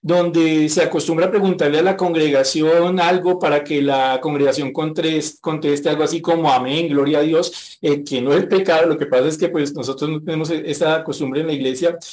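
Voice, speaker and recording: A man preaching a sermon who reads scripture aloud and then explains it frankly, slowing down to repeat a verse with rising emphasis. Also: on the high side, steady tone, a little mellow.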